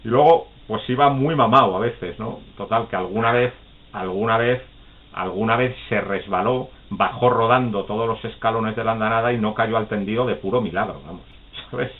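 A man's voice: lowish voice, normal speed, slight background noise. A man telling funny anecdotes in a casual live chat, often laughing and acting out the people in his stories. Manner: chatty, laughs often, acts out quoted voices. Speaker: guest storyteller. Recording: phone-like call audio.

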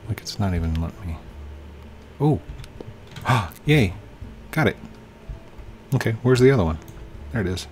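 A gaming channel host with a low, expressive voice chats to game pieces and hums while he works during casual let's-play commentary. He is slightly losing his voice, talks at normal speed with frequent pauses, and records on a headset in a room at home, with a little hiss or hum.

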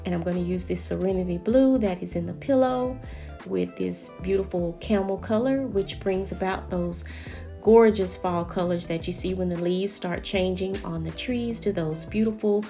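A woman hosting a home decorating channel, gently chatting viewers through each step in a voice-over. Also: lowish voice, normal speed, dull audio, soft background music. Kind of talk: voice-over narration of a decorating video.

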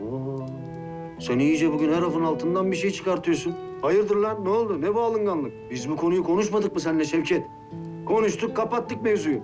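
Here is an actor playing a brusque male friend in a TV drama who nags and orders his buddy around. His voice sits fairly high for a man, and music plays underneath. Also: normal speed, lightly acted. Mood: scolding. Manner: scolding, blunt, slangy. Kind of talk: TV series acting.

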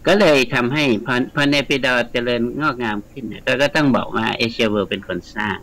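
A man's voice: medium pitch, a little fast, pushed and bright, low-quality recording. A man, a guest scholar, explaining at length in a radio studio interview, chatty and lecturing, with frequent polite particles. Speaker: guest scholar of the Mekong region.

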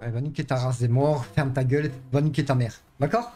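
A man's voice: medium pitch, steady tone, a little fast, dark tone, soft background music. A middle-aged man in casual, foul-mouthed gaming chat, quarrelsome and insulting, on a close mic in a small room. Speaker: live streamer playing video games. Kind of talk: casual ranting gameplay chat. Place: small home streaming room.

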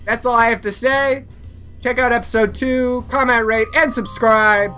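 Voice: medium pitch, fairly even intonation, moderate pace, bright, forceful tone, soft background music. Rambling let's play commentator. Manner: rambling and self-mocking, trailing off into mumbles. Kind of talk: casual game commentary.

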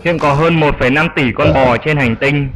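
Playing a patient, wise elderly grandfather bat in a dubbed educational cartoon, a man explains things at a normal speed. His voice is a little high and close to how he'd normally talk, with background noise present.

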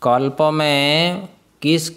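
A male spiritual teacher giving a scripture class, often putting questions to his listeners, chuckling and sounding out syllables slowly. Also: a little high, fairly even intonation, a bit bright, smooth. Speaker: Vedanta teacher.

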